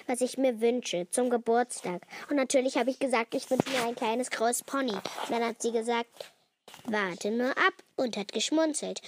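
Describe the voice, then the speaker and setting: A woman voicing an excited, curious nine-year-old girl in a spoken children's story. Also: a little high, a little hiss or hum, close to an everyday voice.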